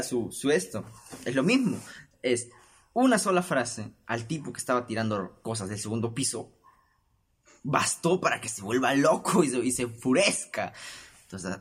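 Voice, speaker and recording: A man's voice: medium pitch, a bit bright, slightly rough. A young man with a Peruvian accent hosting a casual solo podcast, rambling with stammering restarts and acting out the voices in his stories. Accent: Peruvian Spanish. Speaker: podcast host.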